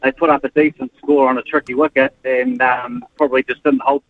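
A man's voice: medium pitch, level tone, fairly quick, no echo. A man from New Zealand with a New Zealand accent, calling in to a sports radio show on a hands-free car speakerphone from his work van, talking in an easygoing, rambling way. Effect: car speakerphone over a phone line. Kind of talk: casual phone-in chat. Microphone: hands-free Bluetooth in a vehicle. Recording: tinny phone line from a moving car.

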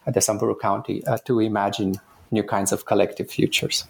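A man's voice: lowish voice, flat delivery, brisk, creaky, darkish tone, breathy edge. A man from Romania, an anthropology professor, answering interview questions in a hesitant way with many fillers and restarts. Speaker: anthropology professor, guest author. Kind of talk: podcast interview.

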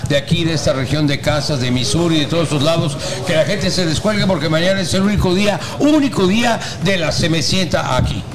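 A man's voice: fairly high pitch, fairly quick, hardly any pauses. A middle-aged man, a comic actor, chatting and joking casually as an interview guest. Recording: crowd noise behind.

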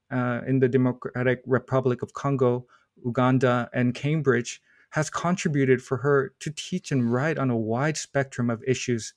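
A man's voice: medium pitch, darkish tone, no echo, clean studio sound. A man hosting a podcast, reading formal guest introductions with small stumbles. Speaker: podcast host.

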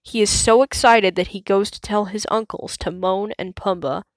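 A woman reading a children's storybook aloud, slow, clear and measured. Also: mid-range voice, fairly even intonation, no echo. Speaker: storybook reader.

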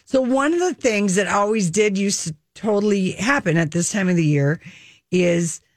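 A woman's voice: medium pitch, lively intonation, normal speed, dry recording. Woman host for casual relationship talk, frank and cheeky, mid-range voice, dry recording. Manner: candid, bawdy, joking. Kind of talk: casual relationship advice chat.

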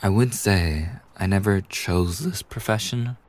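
Sitting low in pitch, a man acts out an ASMR scene as a kind, courteous young bartender who is also an attentive university student. He speaks softly and breathily, soothing and hesitant in his pauses, with a reflective, candid mood to the intimate scripted performance.

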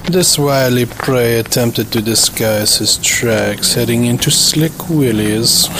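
A man's voice: mid-range voice, slow, noisy background. A man voicing a pompous aristocratic hunter in a cartoon, with a theatrical manner.

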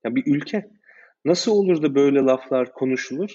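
A man hosting a casual discussion, explaining in a measured way with hesitant fillers. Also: medium pitch, warm tone, husky, lo-fi sound. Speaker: host.

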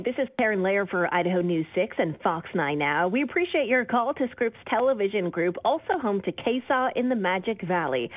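A woman's recorded answering machine greeting on a TV station's phone line, reading a phone menu in an even, clearly spaced way. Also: medium pitch, no echo. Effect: recorded answering machine greeting over a phone line. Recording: tinny dry phone line.

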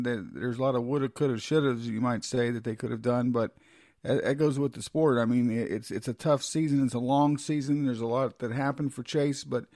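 A man's voice: medium pitch, darkish tone, no echo, studio quality. A man co-hosting a casual talk show, easygoing and fond of folksy phrases. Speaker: podcast co-host. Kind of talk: casual chat.

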